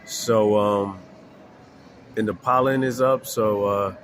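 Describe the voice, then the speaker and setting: A man in his forties, congested from allergies, talking slowly to viewers about faith and films with many pauses, fillers and "right?". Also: fairly low pitch, fairly even intonation, background noise. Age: 40s. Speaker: faith vlogger. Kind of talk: casual spiritual talk to viewers.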